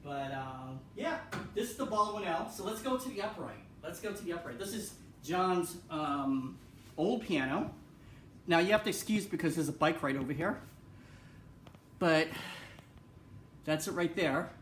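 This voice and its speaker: A man's voice: a little high, animated, measured pace, long pauses, fairly bright tone, a little hiss or hum. A man giving a casual tour of his home pianos, rambling and repeating himself with many ums. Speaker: piano vlogger. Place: room in a house. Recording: echoey room, far from the mic.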